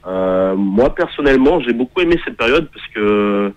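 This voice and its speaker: A man in his thirties who grew up in Kenya and speaks English natively, answering interview questions on radio in a relaxed, hesitant way. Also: mid-range voice, muffled recording. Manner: relaxed, hesitant with many pauses. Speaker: guest musician.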